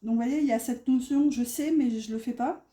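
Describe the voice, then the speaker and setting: A woman with a faint northern French accent gives a casual tarot reading, pausing often with fillers as she explains the cards. Her voice sits a little high but sounds mellow and dark. It carries an echoey room sound. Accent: northern French (ch'ti). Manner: hesitant, many fillers, talks through card meanings. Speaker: tarot card reader.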